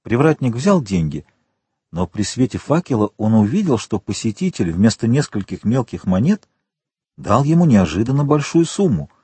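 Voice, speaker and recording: A man narrating a children's audiobook with an expressive reading style. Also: mid-range voice, moderate pace, husky, no room sound. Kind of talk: scripted storybook narration.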